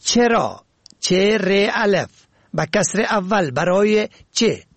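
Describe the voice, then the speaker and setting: Man, slightly high voice, husky, spells words out slowly for a scripted radio lesson. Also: no room sound. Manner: slow and careful, spelling words letter by letter. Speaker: radio presenter.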